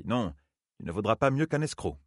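A man's voice: fairly low pitch, very animated, fairly quick, no room sound, studio quality, pitched above the performer's own voice. A man doing a stern, blunt older woman. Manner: blunt, lecturing. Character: stern commanding older woman, sea folk leader.

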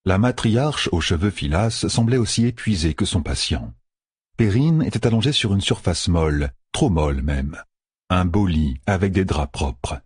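A man reading an audiobook in steady, even scripted narration. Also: sits low, normal speed, husky, no room sound, clean studio sound.

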